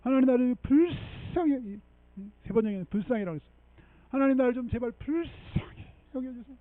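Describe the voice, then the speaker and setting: A man preaching a sermon as pastor, animated and emphatic, often checking in with the congregation and leading them in reading scripture. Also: very high voice, brisk, dry recording, narrow, tinny audio. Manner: animated preaching with frequent rhetorical 'eung?' checks. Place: church sanctuary.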